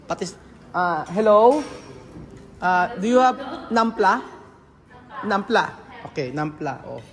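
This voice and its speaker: With a high, sing-song, somewhat bright voice, a Filipino man speaks slowly in a casual food vlog. He switches between Tagalog and English and laughs a lot as he tastes food at a shared restaurant meal, and the recording has a big-room sound.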